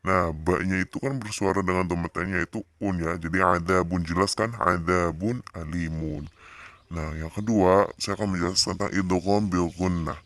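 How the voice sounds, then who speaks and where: A young man giving a casual lesson on recitation rules, hesitant with many pauses, drawing out his example readings slowly. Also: deep voice, fairly even intonation, fairly bright tone, no room sound. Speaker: Quran recitation teacher.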